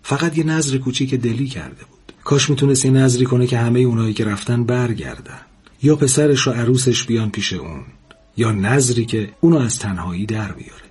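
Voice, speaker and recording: A man calmly reading a story aloud in a measured, soft-spoken way. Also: medium pitch, husky. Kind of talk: scripted story narration.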